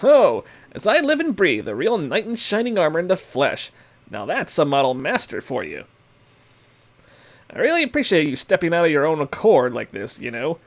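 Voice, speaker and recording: A man's voice: fairly high pitch, wildly swooping pitch, normal speed, full character voice. A man voicing a sly, smug young man who drawls and threatens casually while reading game dialogue. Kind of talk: reading a game's dialogue aloud.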